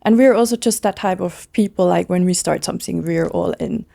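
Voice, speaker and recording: A woman in her thirties from Switzerland, chatting in an interview as a founder, eager and quick with lots of casual fillers. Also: fairly low pitch, vocal fry, mellow. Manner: fast, enthusiastic, many "like" fillers. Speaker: guest, brand founder.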